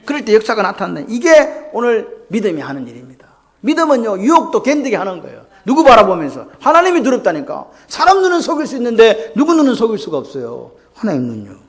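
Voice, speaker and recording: Male pastor, very high voice with wide swings, preaches with call-and-response questions. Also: huge pitch swings, quick pace. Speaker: senior pastor. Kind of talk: Sunday morning sermon.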